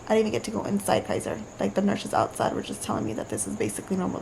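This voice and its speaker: A woman talks casually to her camera from her bedroom, chatty and full of "like" fillers. Her voice has a gravelly, creaky edge. The home recording carries clear background noise. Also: mid-range voice. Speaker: vlogger. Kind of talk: casual video diary.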